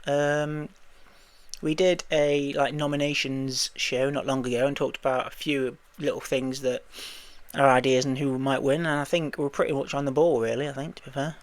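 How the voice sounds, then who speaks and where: A man's voice: flat delivery, normal speed, dry recording. A young man from England co-hosting a film podcast, chatty and laughing often. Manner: chatty, laughs often, acts out quotes in high squeaky voices. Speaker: podcast co-host. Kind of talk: casual chat.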